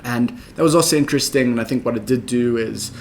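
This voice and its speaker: A young adult man with a South African accent, a guest in a conversational interview, explaining his career path in a measured, methodical way with frequent ums. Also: mid-range voice, a little hiss or hum.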